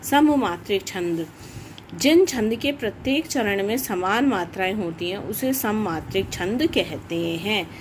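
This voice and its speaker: A woman teaching a grammar lesson to children, explaining slowly and repeating each definition. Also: mid-range voice, animated, slight background noise.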